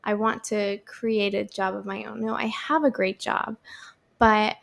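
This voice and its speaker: A woman in her thirties hosts a solo podcast in a relaxed, rambling chat. She talks slowly and fills pauses as she goes. Her voice has a gravelly fry. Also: mid-range voice. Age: 30s. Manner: chatty, lots of fillers and restarts, upbeat. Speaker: podcast host.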